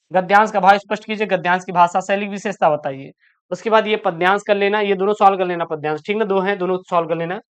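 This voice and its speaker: A woman's voice: mid-range voice, clear, resonant tone. A woman teaching an online exam-prep lesson. She calls her students "beta", reads each question aloud, often repeats it, then answers it. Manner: addresses students as "beta", quick and explanatory.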